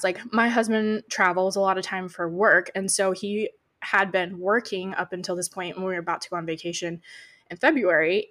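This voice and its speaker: A woman co-hosting a podcast, speaking candidly and reflectively with many pauses. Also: on the low side, fairly bright tone. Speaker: podcast co-host. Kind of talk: casual podcast chat.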